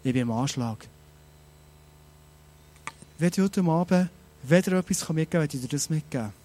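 A man preaching a sermon, animated and speaking straight to his listeners with many rhetorical questions. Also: a little high, moderate pace.

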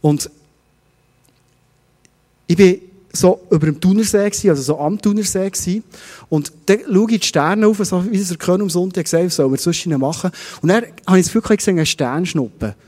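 Swiss German male pastor, middle-aged, mellow sermon tone, long church reverb. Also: high-pitched, moderate pace. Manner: preaching in rhetorical questions.

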